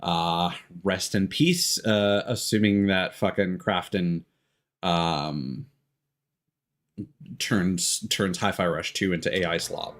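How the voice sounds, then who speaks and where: Slow and low-pitched yet fairly bright in tone, a male streamer thinks aloud as he plays. He's casual, honest and foul-mouthed, often poking fun at himself during the live chat and commentary.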